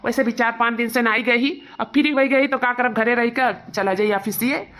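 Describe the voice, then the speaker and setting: A woman voicing a caring, gently bossy young husband in a cartoon, speaking with a Bhojpuri accent. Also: a little high, fairly even intonation, normal speed, a little hiss or hum, lightly acted.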